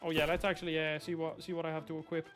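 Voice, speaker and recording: A man with a Dublin accent chats over his gameplay in a high, light voice. He rambles and tosses out opinions in a loose, casual way. Faint game music plays underneath. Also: completely flat delivery, racing, fairly bright tone. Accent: Dublin Irish. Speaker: gaming YouTuber.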